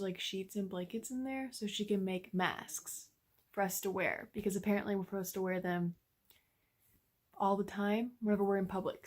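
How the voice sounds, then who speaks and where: A woman's voice: medium pitch, darkish tone, a little hiss or hum. A young woman chatting casually to her camera at home in her first vlog, rambling with plenty of fillers. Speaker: vlogger.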